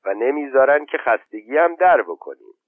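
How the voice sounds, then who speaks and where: A man voicing a sympathetic older village woman who asks gentle, concerned questions. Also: medium pitch, expressive, no echo, voice pushed up, natural voice. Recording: dry tinny phone-like audio.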